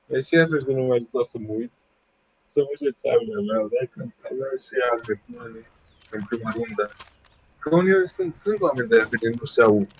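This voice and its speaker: A man's voice: mid-range voice, very animated, creaky, breathy edge, rough recording. Laid-back man chatting over a game. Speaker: teammate, co-player. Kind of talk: casual chat while gaming.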